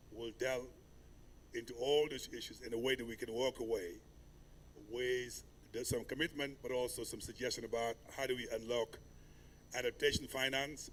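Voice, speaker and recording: A man from Senegal moderates a summit session in a formal, measured manner. His pitch sits in an ordinary middle range. A faint low rumble hangs under his voice. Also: fairly bright tone. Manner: measured, ceremonial address. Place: large conference hall.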